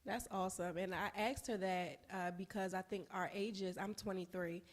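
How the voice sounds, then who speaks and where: A woman's voice: mid-range voice, steady tone, moderate pace. A woman in her twenties co-hosting a podcast, speaking in an upbeat, casual way and laughing at herself. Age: 20s. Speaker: co-host and business owner.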